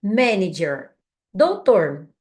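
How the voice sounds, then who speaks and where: A young adult woman with a Brazilian Portuguese accent runs an English lesson, calling out words in an unhurried, patient way. She speaks at a mid pitch and keeps repeating the drill so learners can follow along after her. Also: big pitch swings, darkish tone. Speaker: English teacher.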